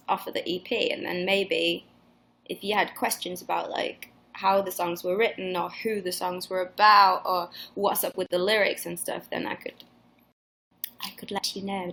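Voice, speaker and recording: Mid-range with vocal fry and a bit of brightness, her voice arrives through poor audio. The speaker is a singer in her twenties with a mixed Northern English accent, hosting a casual live fan Q&A where she rambles, swears and restarts frequently.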